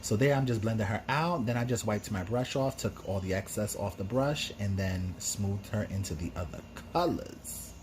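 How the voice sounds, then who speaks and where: A man with a fairly low voice hosts a makeup tutorial as a sassy drag queen. His talk is campy, chatty and full of slangy exclamations. There is faint noise behind him. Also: normal speed, hardly any pauses. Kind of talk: casual makeup tutorial commentary with chatty asides.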